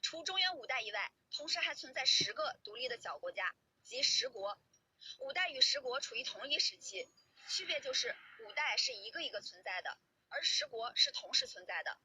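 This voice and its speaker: Female narrator, scripted history storytelling, piercingly bright and husky, colloquial delivery, light music behind. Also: high-pitched, rough recording.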